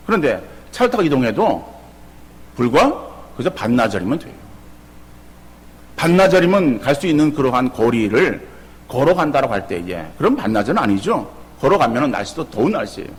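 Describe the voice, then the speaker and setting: A middle-aged man pastor preaching a sermon with lively rhetorical questions. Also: mid-range voice, fairly quick, slightly rough, big-room sound. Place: church sanctuary.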